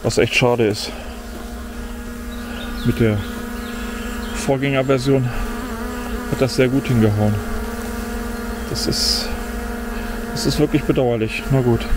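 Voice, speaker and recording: With long pauses and a slow, steady delivery, a middle-aged man in a mid-range voice talks to himself while testing a drone in a forest. This drone vlogger's casual commentary is muttered and mildly disappointed, and insects buzz over faint outdoor sounds in the recording.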